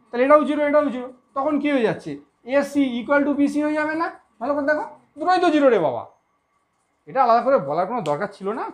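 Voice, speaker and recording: A woman teaching a math lesson, who repeats her points and keeps asking if she was understood. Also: high-pitched. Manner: repetitive, keeps checking understanding.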